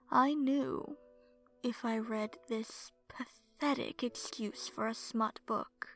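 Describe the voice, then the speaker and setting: Her pitch sits on the high side as she narrates an ASMR horror tale in the first person, cast as a smug, seductive vampire on the hunt. The mood is one of sultry scheming, her breathy voice drifting down into whispers.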